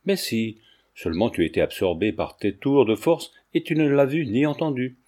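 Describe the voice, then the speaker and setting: A man reading a sly, teasing gentleman. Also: medium pitch, big pitch swings, normal speed. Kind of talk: audiobook character reading.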